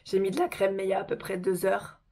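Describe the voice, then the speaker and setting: A woman hosting a casual makeup tutorial, chatty and informal, her voice hoarse from a sore throat. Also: medium pitch, fairly even intonation, quick pace, darkish tone.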